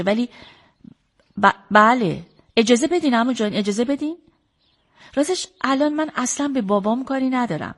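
An actress playing a young woman athlete who pleads with her uncle and argues with her mother in a radio drama. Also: mid-range voice. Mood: pleading. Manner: pleading and defensive.

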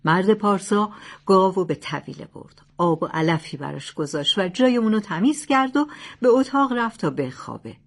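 A woman narrating traditional tales that explain proverbs, in a clear, measured reading. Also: mid-range voice, animated.

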